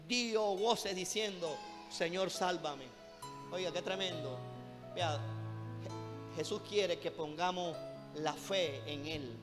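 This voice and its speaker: In a church hall, a man preaches a fervent, direct sermon, repeatedly calling his listeners brothers and scattering rhetorical questions throughout. His voice is high-pitched and he speaks slowly, with long hall reverb and music behind him.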